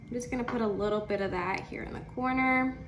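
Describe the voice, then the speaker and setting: A woman hosting a casual home cooking vlog, chatty and excited, tasting and explaining as she goes. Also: a little high, fast, background noise. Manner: excited, chatty, lots of mm sounds. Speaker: cooking channel host. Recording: roomy room with background music.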